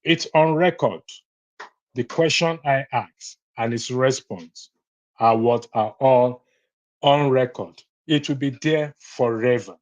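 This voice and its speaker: Calling in to a live broadcast during a heated debate, a Nigerian man firmly insists that his point is on record. His mid-range voice moves slowly, and the sound is lo-fi.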